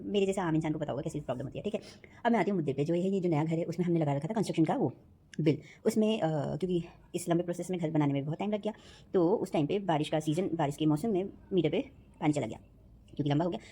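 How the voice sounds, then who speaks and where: A woman's voice: low-pitched, warm tone, breathy edge. A woman venting in a rambling casual monologue, repeating herself and correcting her words as she goes. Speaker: vlogger.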